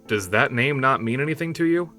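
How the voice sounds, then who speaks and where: A man voicing a serious young male drake hunter in an audiobook, terse, low and guarded. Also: expressive, a little fast, bright, forceful tone, faint music behind. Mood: grim. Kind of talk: audiobook character voice.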